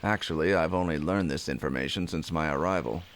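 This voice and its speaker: A man's voice: rumbling low, brisk. A man voicing a confident, blunt homicide lieutenant in an anime dub, assured and matter-of-fact. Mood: grave.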